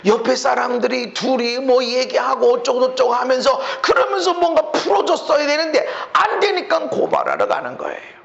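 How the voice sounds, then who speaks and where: Male pastor, emphatic sermon delivery, high gravelly tone, muffled church recording. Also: very animated, normal speed, few pauses. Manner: emphatic preaching, voice rising to near-shouts and dropping low at phrase ends.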